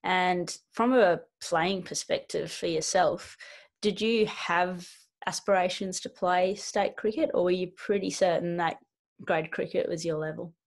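A woman's voice: on the low side, steady tone, unhurried, vocal fry. A young adult woman hosting a podcast over a video call, asking friendly, upbeat questions. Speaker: podcast host. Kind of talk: casual interview talk. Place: indoors, small room with a plain wall.

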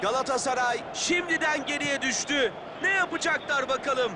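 A man calling a football match play by play, raising his voice to shouts on attacks and goals. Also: extremely high pitch, normal speed. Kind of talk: excited match commentary. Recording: loud stadium crowd noise over commentary. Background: roaring stadium crowd.

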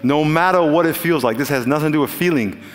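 Pastor leading an altar call in a big hall. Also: male voice, a little high, fast. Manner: warm repetitive blessings, earnest and urgent. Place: large church stage with band. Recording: long hall reverb, faint band music. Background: soft band music.

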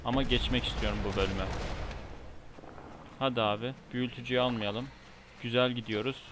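A man's voice: medium pitch, steady tone, fairly quick. A man giving casual commentary while he plays a game, often exasperated and annoyed. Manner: frustrated, exasperated muttering. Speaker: gamer. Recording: noisy, with game gunfire behind.

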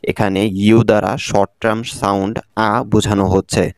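A man with a Bangladeshi Bengali accent, low-pitched and clear, talks through English phonics. He breaks each word into its sounds carefully. The voice-over is dry, with no room sound. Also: flat delivery, a little fast, a little mellow, no room sound. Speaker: English teacher. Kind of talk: scripted lesson narration.

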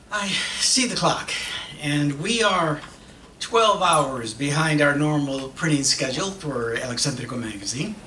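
Playing an earnest magazine publisher, a man performs a stage monologue in a businesslike mood, drifting between Spanish and English. The voice sits on the high side with a sharp edge, delivered haltingly and deliberately in brief phrases broken by pauses. It was picked up by a far-off camera from a lectern stand mic, leaving an echoey, noisy auditorium sound.

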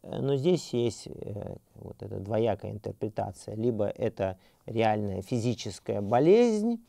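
A middle-aged man teaches a seminary class without a script, pausing on fillers and restarting his sentences as he works through his thoughts. His voice is gravelly and dark, recorded dry with no room sound. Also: on the low side, animated, dry recording. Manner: hesitant, many fillers and restarts, slows to read scripture aloud. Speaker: seminary lecturer. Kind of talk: unscripted academic lecture.

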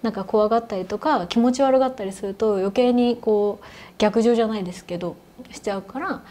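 A young adult woman telling a ghost story in conversation, her voice soft and hushed, at times sinking to near whispers. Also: medium pitch, brisk. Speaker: guest storyteller.

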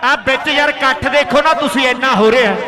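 A man's voice: extremely high pitch, steady tone, brisk. A man with a Punjabi accent giving hearty, exclamatory live kabaddi commentary, repeating phrases and addressing listeners as friends. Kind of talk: live sports commentary with rhymed verse and thanks to sponsors. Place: outdoor village kabaddi tournament ground.

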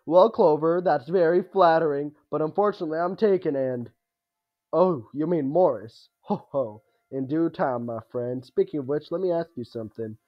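A man's voice: a little high, moderate pace, dull audio, close to an everyday voice. A man voicing a jovial, bumbling, friendly older man from a video game, in a hearty manner. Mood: jolly, friendly. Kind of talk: video game character read aloud.

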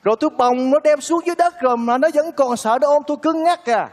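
A man's voice: extremely high pitch, quick pace, long reverb tail. An actor playing a kindly, lovesick man who pleads earnestly with a widow, speaking in a stage comedy sketch. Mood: pleading.

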